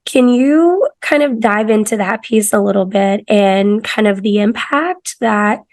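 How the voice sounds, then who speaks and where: A woman hosting a podcast interview, hoarse from losing her voice, chatting casually and eagerly with lots of filler words. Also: medium pitch, unhurried, a little mellow. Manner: casual, enthusiastic, lots of "like" and "kinda". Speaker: podcast host.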